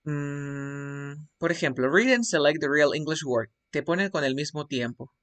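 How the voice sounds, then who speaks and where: A Spanish-speaking man with a fairly high voice teaches an online class over a computer mic. He explains each point patiently and keeps checking that the student is following. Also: a little slow, a bit bright. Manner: explains step by step, often checks with "¿ok?". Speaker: English teacher. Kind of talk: online class with screen share.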